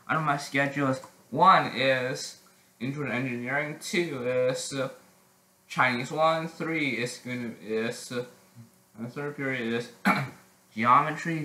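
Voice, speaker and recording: A teenage boy chatting casually in a vlog, halting with many restarts and frequent throat clearing. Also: mid-range voice, sharp tone, reverberant, rough recording. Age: teens. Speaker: vlogger.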